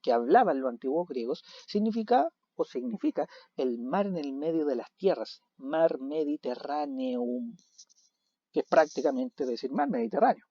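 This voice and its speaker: A man teaching a recorded video lesson, animated, asking questions and answering them himself. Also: on the high side, brisk, hardly any pauses, slightly rough, no room sound. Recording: dull lo-fi recording.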